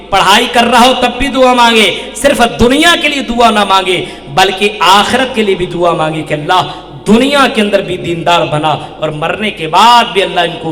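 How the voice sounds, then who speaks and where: A man preaching an Islamic sermon with passion, his voice rising to shouts at its peaks. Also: high voice. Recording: echoey hall with long reverb.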